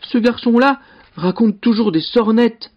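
A man voicing a clever, sly young peasant brother who talks in a quick, scolding way. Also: very high voice, pitched above the performer's own voice. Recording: dull lo-fi recording.

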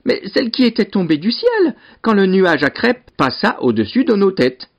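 A simple-minded young peasant brother chatters on in a raised, sing-song voice that is eager and naive, as a man reading a storybook plays him. The voice is a little husky, and the recording sounds dull and lo-fi. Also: high voice, big pitch swings, moderate pace, voice pushed up, full character voice. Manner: naive and eager, blurts things out.

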